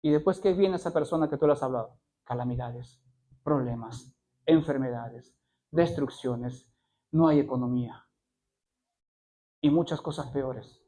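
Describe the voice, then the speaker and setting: A man's voice: mid-range voice, unhurried, long pauses, mellow. A man preaching a sermon, pressing his point with repeated phrases and rhetorical questions, and correcting himself mid-sentence.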